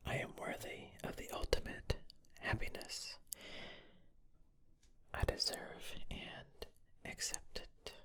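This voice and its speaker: A whispered ASMR pep talk of affirmations, delivered with playful, tongue-in-cheek encouragement in a breathy voice. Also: slow, fairly bright tone. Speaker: ASMR host.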